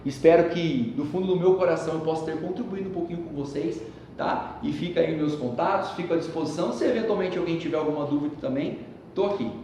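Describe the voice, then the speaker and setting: Animated male motivational speaker, echoey hall. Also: fast, distant mic. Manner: animated, addresses the audience directly. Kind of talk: storytelling talk to a live audience. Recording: echoey hall with faint rumble.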